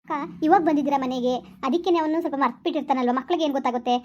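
A woman's voice: high-pitched, racing, a little mellow, lo-fi sound, lightly acted. A woman playing a kind young village woman who soothes and reassures. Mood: soothing. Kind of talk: village family skit acting.

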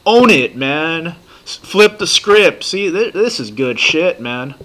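Bright-voiced, profane man in his thirties. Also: on the high side, slow. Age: 30s. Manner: profane, excitable, rambling. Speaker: vlogger reacting to a TV series. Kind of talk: casual reaction commentary.

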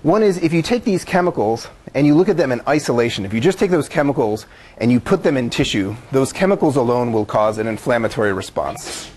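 A man's voice: medium pitch, expressive, a little fast, darkish tone. A man, a university professor, giving a methodical lecture to a class and laying out his points step by step.

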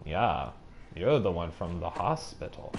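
A man's voice: deep voice, big pitch swings, measured pace, gravelly, noisy background. A man giving playful, wisecracking commentary while playing a video game. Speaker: let's play host. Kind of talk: joking gameplay commentary.

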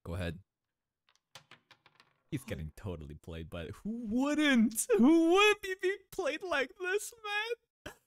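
A young man in his twenties giving excited reaction commentary from a small room, close to a boom mic, laughing and breaking into shouts. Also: slow, long pauses, no room sound. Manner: animated, laughing, shouts in bursts. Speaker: anime reaction streamer. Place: small room indoors, in a gaming chair. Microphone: studio mic on boom arm, close.

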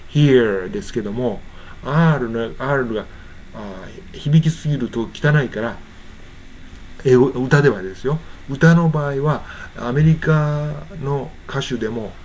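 A man's voice: medium pitch, a little mellow, a little hiss or hum. Man teaching song pronunciation. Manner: explains slowly, then sings lyric lines in English. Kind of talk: casual pronunciation lesson with sung examples.

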